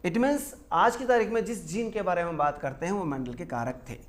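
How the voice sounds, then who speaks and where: A male teacher giving a classroom lecture. He asks the class questions and answers them himself, and he repeats key terms slowly. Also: sits high.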